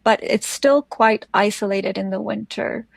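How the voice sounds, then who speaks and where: A South African woman with an Afrikaans accent and Afrikaans as her first language, speaking thoughtfully and haltingly as an interview guest. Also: medium pitch, vocal fry, no echo, low-quality recording. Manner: thoughtful, halting, searching for words. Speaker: podcast guest. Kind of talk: reflective interview conversation.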